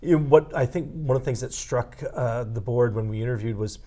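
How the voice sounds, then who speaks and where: A middle-aged man giving an earnest interview about his organization, halting and repeating words as he goes. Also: medium pitch, dark tone. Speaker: outgoing executive director. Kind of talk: studio interview.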